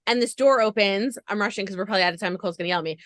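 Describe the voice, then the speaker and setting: A woman's voice: mid-range voice, rapid-fire, fairly bright tone, dry recording. A woman podcast interviewer recapping a show with gushing enthusiasm in long run-on stretches.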